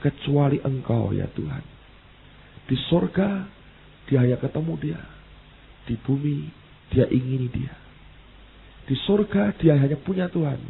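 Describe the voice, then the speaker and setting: A male pastor preaching an emphatic sermon, repeating exclamations and reading verses slowly. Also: medium pitch, vocal fry. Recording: tinny phone-like sound with faint hiss.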